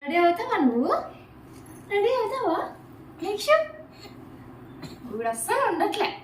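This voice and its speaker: A woman's voice: very high-pitched, big pitch swings, moderate pace, distant mic, noisy background. A woman family vlogger talking in a casual, cooing, sing-song baby talk as she coaxes a small child, repeating herself. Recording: echoey room.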